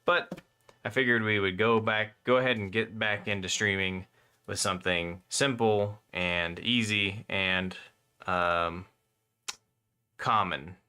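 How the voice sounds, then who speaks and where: This is the same kind of casual live-stream talk, with a man installing a console mod and rambling with plenty of fillers as he recovers from a slight cough from a cold. He speaks slowly with fairly even intonation, and his lowish voice comes across pushed, bright, and smooth.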